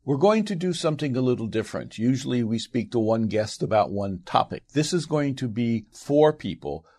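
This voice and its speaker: A man hosting a radio-style interview series, introducing it in a measured, welcoming way. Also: mid-range voice, big pitch swings, dark tone. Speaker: host.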